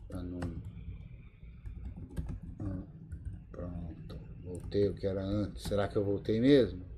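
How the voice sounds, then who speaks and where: A man's voice: sits low, steady tone, slow pace, background noise. Brazilian man teaching Linux over a call. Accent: Brazilian Portuguese. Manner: thinking aloud, many fillers. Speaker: Linux course instructor. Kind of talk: live screen-share tutorial. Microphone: video call mic.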